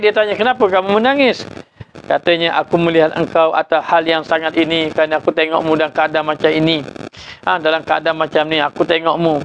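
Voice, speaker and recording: Male Malaysian religious teacher, lecture delivery, a little high-pitched, dull lo-fi sound with faint traffic behind. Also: fairly bright tone. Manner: explains by repeating, frequent "ha" interjections. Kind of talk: religious lecture on a classical text.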